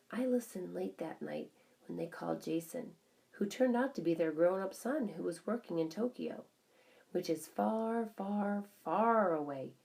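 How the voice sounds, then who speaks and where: Speaking in a lowish, gravelly, slightly mellow voice, a woman plays a small pet hamster with a keen eye. In first person, it tells a children's story full of chatty asides.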